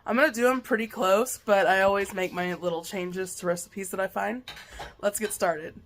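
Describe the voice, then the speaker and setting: A cooking vlogger with a mid-range voice chats casually at normal speed while cooking in her home kitchen, her voice a little worn from allergies. She's relaxed and chatty with fillers and stumbles, amid the clink of dishes, pots and pans and a slight hiss or hum.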